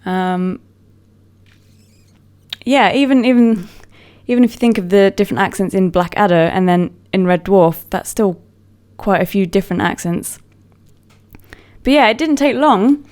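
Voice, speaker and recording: An English vlogger with a neutral British accent talks casually to camera in a mid-range, slightly mellow voice. Her pace is measured with long pauses, and she rambles, mocks herself, and trails off with fillers.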